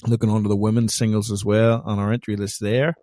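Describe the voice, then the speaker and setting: A man's voice: lowish voice, level tone, fast, dark tone, no echo, studio quality. A man co-hosting a casual sports podcast, chatty and joking, calling his co-host "mate".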